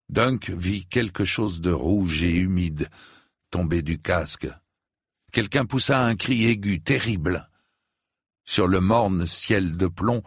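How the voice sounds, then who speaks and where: A man narrating a story in a measured, grave manner. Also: low voice, husky, no room sound, studio quality. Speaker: audiobook narrator. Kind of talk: scripted narration.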